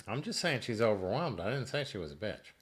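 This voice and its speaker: A man with a very deep voice co-hosts a true-crime podcast in casual chat. His pitch swings widely as he talks, and he delivers dry, teasing jabs between stretches of the story. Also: big pitch swings, brisk, breathy edge. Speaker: podcast co-host.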